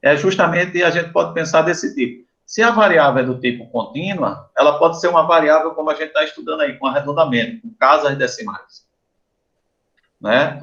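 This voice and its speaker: A university professor with a Brazilian Portuguese accent gives students an informal explanatory lecture, often pausing to check in with "né?" and "tá?". His voice is a little high and a bit bright, and the audio sounds dull.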